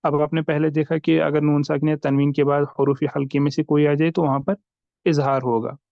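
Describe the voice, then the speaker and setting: A man teaches recitation rules, spelling out words slowly letter by letter. His voice is slightly high and smooth. The sound is dry and a little dull, as if from a modest mic. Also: flat delivery, dry recording. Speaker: tajweed teacher. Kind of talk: online lesson.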